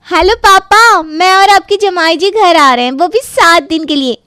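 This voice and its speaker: A very high, girlish cartoon wife coos and gushes with sugary sweetness, as a woman plays her. Her voice sounds dry and close to the mic. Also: measured pace, bright, forceful tone, no room sound, full character voice. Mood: cooing. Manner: cooing, gushing. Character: sweet pampered young wife.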